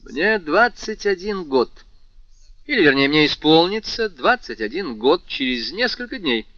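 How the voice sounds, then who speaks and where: A man's voice: on the high side, a little slow, dry recording, lo-fi sound, pitched above the performer's own voice. A man voicing a coolly insolent young defendant. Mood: polite defiance. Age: young adult. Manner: calm, courteous and mocking.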